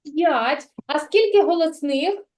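A woman's voice: high voice, slow, a little mellow. A woman teacher guiding a young child through a literacy lesson, patient and encouraging, praising often. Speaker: kindergarten teacher.

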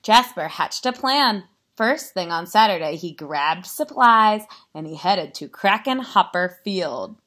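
A woman reading a picture book aloud, telling it dramatically with hushed, spooky drops. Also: on the low side, animated, unhurried, hardly any pauses. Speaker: story reader.

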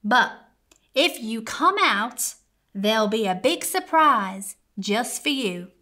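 A patient, kindly cowboy sheriff calls out in a loud, high drawl, as a woman reads him aloud. He is a storybook father figure, bright and forceful in tone. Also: expressive, slow pace, exaggerated voice. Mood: fond.

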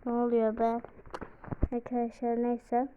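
A young woman chatting casually as she plays a mobile life-sim game, excitable and apologetic, often exclaiming. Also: on the high side, unhurried, slight background noise. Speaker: game vlogger. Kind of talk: casual let's-play commentary. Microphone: phone. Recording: tinny phone-like recording.

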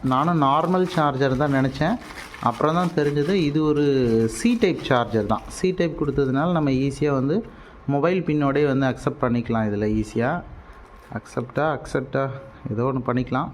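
In an unboxing vlog, a man reviewing products speaks casually with a Tamil Nadu accent, sprinkling in English words as he explains. He talks at a moderate pace in a medium-pitched voice over a noticeable, steady background noise.

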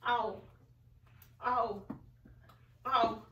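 A young woman in casual, playful banter, giggly and prone to loud exclamations, recorded at home on a camera a few metres away. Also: a little high, fairly even intonation, very slow, muffled recording. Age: young adult. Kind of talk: casual playful banter during a challenge video. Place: home room, indoors. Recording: roomy, far from mic, faint noise and clicks.

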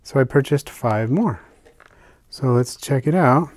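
An older man casually narrating a hobby vlog as he unpacks and shows his isopod purchases, talking in a relaxed, chatty way with fillers and soft asides. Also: medium pitch, unhurried, no room sound. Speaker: isopod keeper unboxing purchases. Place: indoors at a table, hands on camera.

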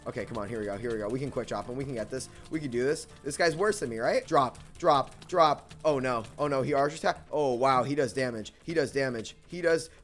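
A young man commentating on his gameplay as a hyped gamer bro, excitable and slangy, often repeating short phrases. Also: medium pitch, fairly quick, few pauses, faint music behind. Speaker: gaming video host.

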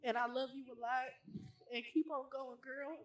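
High-voiced young woman, tearful tribute. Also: steady tone, normal speed, reverberant, very noisy. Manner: emotional, heartfelt tribute. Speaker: congregant honoring her sister.

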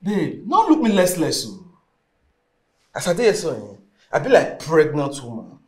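Cheeky playful nigerian waiter, lively up and down pitch, roomy echo. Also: male voice, normal speed. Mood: cheeky boasting. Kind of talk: film drama dialogue in Pidgin. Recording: echoey room.

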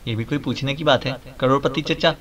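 A man's voice: medium pitch, fairly bright tone, lightly acted. Man voicing a smug young rich-kid type, dry and offhand, bit distant mic. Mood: flippant. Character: flippant, cocky young male heir.

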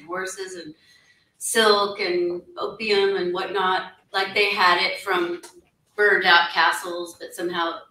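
A woman in the audience asks a long, hesitant question. Her voice is bright and sharp. She is heard from far away in an echoey meeting room. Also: mid-range voice. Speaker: audience member asking a question.

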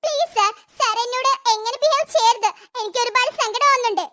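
A performer doing a scheming jealous office woman, cartoon, high bright voice, sugary then muttering. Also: brisk, a little hiss or hum. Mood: pleading. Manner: sweet to the boss, low muttered asides.

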